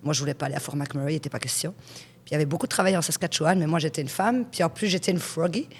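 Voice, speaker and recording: A Swiss-born woman in her forties, a hypnotherapist, is an interview guest speaking frankly about her working life in a conversational exchange. Her voice is low, husky, and very fast, and she comes across as a frank, lively, chatty storyteller.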